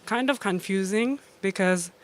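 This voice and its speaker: A woman's voice: mid-range voice, a little slow. A woman from Iran, a DJ being interviewed, telling stories with many fillers and frequent laughs. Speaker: DJ and guest. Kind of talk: casual interview.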